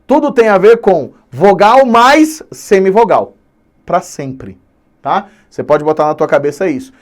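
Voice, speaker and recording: A male Brazilian Portuguese teacher giving an online grammar lesson, animated and drawing out key words slowly for emphasis. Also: high voice.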